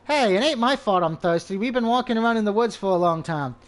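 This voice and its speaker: A man's voice: sits high, animated, quick pace. A man reading the part of a curious, blunt young woman adventurer. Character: curious rough-mannered young woman rogue.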